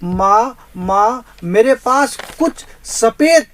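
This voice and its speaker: A man's voice: very high-pitched, animated, very slow, fairly bright tone, pitched above the performer's own voice, full character voice, low-quality recording. A man reciting a poem in the voice of a young adult son, repeatedly calling out to his mother from a party. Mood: anguished. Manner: pleading, repeating "mother" over and over.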